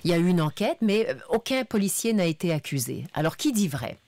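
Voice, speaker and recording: A woman's voice: on the low side, sing-song, fairly quick, darkish tone, dry recording. A woman radio journalist explaining news stories earnestly in a studio chat.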